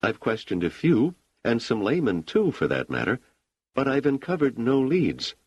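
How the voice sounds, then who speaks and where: A man reading an audiobook, voicing a calm, probing woman who talks in a measured, persistent way. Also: mid-range voice, husky, dry recording, dull audio. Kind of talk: audiobook character voice.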